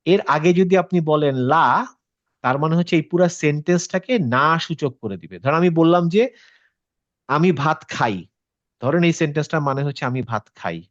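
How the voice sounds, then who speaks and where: A man's voice: on the high side, animated, brisk, dry recording. A male tajweed teacher explaining patiently to a class, checking with students through questions and mixing in English words. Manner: mixes English words into his talk. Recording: slightly dull, dry lo-fi audio.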